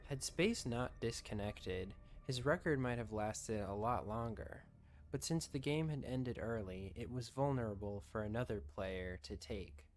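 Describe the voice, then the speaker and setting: A man's voice: mid-range voice, measured pace. A man reading scripted documentary-style narration as the narrator of a video.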